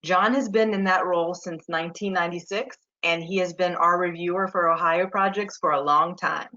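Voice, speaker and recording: A woman hosting a conference, giving a steady, grateful introduction of the speaker. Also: fairly low pitch, normal speed. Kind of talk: formal introduction. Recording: dull, lo-fi remote audio.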